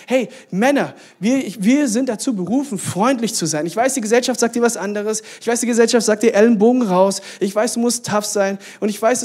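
A young man, a youth pastor, preaching an energetic sermon and talking straight to his listeners with casual slang. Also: extremely high pitch, slightly rough. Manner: energetic, direct address with English slang.

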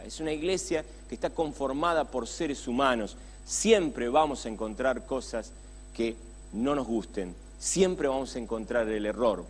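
A man with a Rioplatense Spanish accent preaching a sermon in a passionate, conversational way, with many rhetorical questions. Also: high-pitched.

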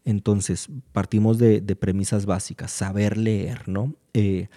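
Man, low voice, very warm and dark tone, measured explanations, casual faith talk. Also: little pitch movement. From Mexico. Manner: measured, explanatory, pauses with fillers. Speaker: guest speaker.

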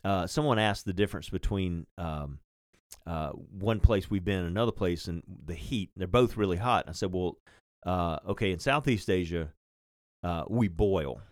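A man hosting a podcast interview, relaxed and hesitant, with many fillers and restarts. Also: deep voice, moderate pace, dry recording, studio quality. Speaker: podcast host. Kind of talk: conversational interview.

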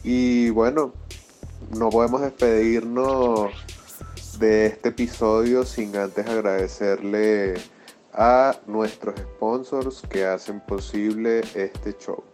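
Calm male co-host, low voice, unhurried delivery. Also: faint music behind. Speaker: podcast co-host. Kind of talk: casual show sign-off.

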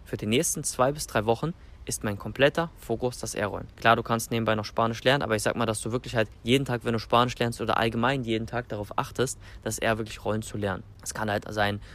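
A man's voice: mid-range voice, fairly even intonation, fast talker, few pauses, a bit bright. A man from Germany working as a language coach, giving informal, emphatic instructions in a colloquial, motivational way. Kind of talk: informal instructional talk to camera.

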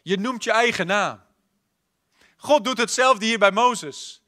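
A man preaching a sermon at a church service, impassioned and moving between loud declarations and hushed, intimate lines. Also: high-pitched, slow. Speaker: pastor.

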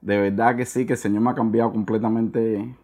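A middle-aged Cuban man with a Cuban Spanish accent is a guest in a casual interview. His voice is lowish, level and darkish, and he talks earnestly, often pausing to search for words.

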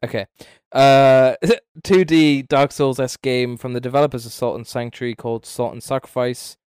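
A man's voice: mid-range voice, level tone, moderate pace, a little mellow, clear, resonant tone, no room sound, clean studio sound. A man co-hosting a casual gaming chat, swearing often and giving blunt opinions. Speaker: podcast co-host.

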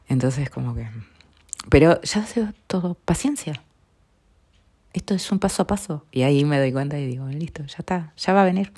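A middle-aged woman with a Rioplatense accent and a notably low voice. She speaks in a reflective, heartfelt way, often trailing off into a hushed near whisper. Her talk is personal and unhurried, like a podcast host sharing her own story. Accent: Rioplatense Spanish. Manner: soft, earnest, often dropping to a near whisper.

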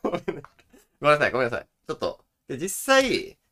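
A young man in his twenties co-hosting a relaxed podcast chat, chuckling often. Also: a little high, racing, a little hiss or hum. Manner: relaxed, chuckling, demonstrates voices. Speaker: podcast co-host. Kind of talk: casual chat.

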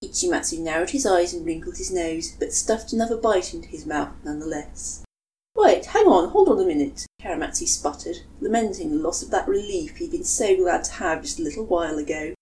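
A woman reading fan fiction aloud, expressive in her storytelling. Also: fairly low pitch, a little fast, hardly any pauses, slight background noise, poor audio. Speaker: reader.

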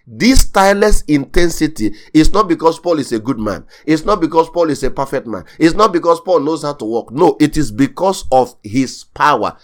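A man preaching a sermon as pastor, emphatic and repetitive, with rising bursts of intensity. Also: on the high side.

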